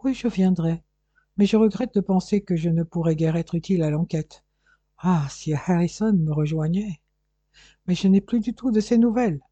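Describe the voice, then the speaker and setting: A man voicing a calm English detective who sighs and speaks with perfect composure, in a dry close recording. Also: high voice, moderate pace, dry recording, dull audio. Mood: regretful. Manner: calm, sighing, understated.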